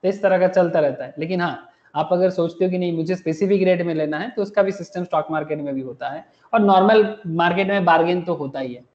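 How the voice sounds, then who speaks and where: A man's voice: high voice, fast talker, darkish tone. A man teaching a class, mixing Hindi and English and often asking the students questions. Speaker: commerce teacher. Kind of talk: classroom lecture. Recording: echoey room, muffled lo-fi sound.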